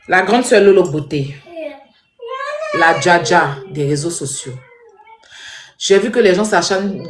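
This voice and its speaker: Animated scolding woman in an echoey room. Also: on the low side, slight background noise. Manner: animated, scolding, repetitive, addresses viewers directly. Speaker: social media commentator. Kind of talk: casual commentary to viewers.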